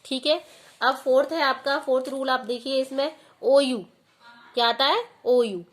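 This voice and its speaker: A woman's voice: sits high, fairly even intonation, measured pace, a bit bright. A woman teacher giving an online grammar lesson, asking questions and then answering them herself.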